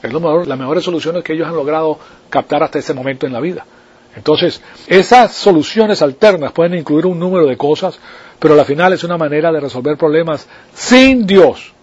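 A man's voice: a little high, a little fast, a little mellow, husky. A man preaching a sermon in a conversational way, often checking with his listeners for agreement. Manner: conversational, asks the listeners for assent. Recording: dull lo-fi recording.

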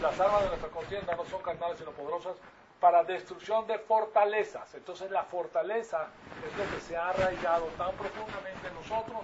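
A man with a fairly high voice preaches a Bible lesson to a room of listeners, often drawing them in with questions. He builds to loud, emphatic peaks. He stands well back from the mic, and the dull lo-fi recording carries steady background noise. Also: far from the mic. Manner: engages the audience with questions. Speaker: Bible teacher. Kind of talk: sermon-style Bible class. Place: room with a live audience.

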